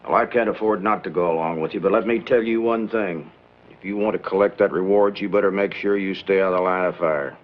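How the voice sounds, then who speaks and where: A man plays a stern marshal in an old western. His voice is low and deep, and he speaks firmly and warily. The soundtrack is thin and phone-like. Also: steady tone, brisk, natural voice. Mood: stern, wary. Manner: firm, warning. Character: stern, wary frontier marshal. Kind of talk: old western film acting.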